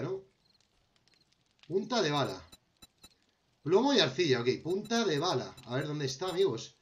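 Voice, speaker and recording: A young man with a Spanish accent, casually commenting on a survival game as he crafts, talking to himself and to his viewers. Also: high voice. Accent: Spain. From Spain. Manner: talks to himself while crafting, addressing viewers as friends. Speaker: gameplay commentator.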